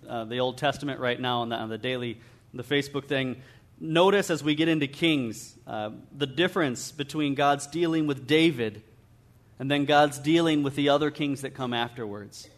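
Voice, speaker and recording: A middle-aged male pastor preaching a sermon in a conversational way, often repeating and restarting his words. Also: fairly high pitch.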